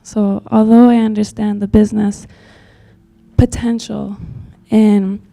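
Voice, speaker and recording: A woman's voice: mid-range voice, little pitch movement, slow pace, creaky, dark tone. A woman from Texas giving an earnest, rambling public comment at a community meeting, with many fillers. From Texas, USA.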